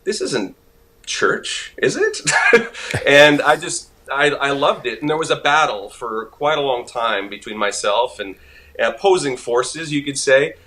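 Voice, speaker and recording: A guest actor from Montreal whose first language is French chats in a casual interview, laughing easily. His mid-range voice is expressive and sharp-toned, and he speaks a little slowly.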